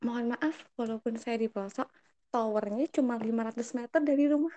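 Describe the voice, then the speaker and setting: Perempuan dua puluhan, suara agak tinggi. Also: female voice, on the high side, fairly even intonation, fairly quick, warm tone, lo-fi sound. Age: 20s. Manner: teasing, laughs often. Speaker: podcast co-host. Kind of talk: casual chat. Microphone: remote call.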